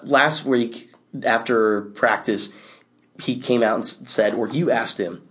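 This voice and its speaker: A man co-hosting a casual sports talk show, relaxed and loose, with restarts and quick laughs. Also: mid-range voice. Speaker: sports podcast co-host.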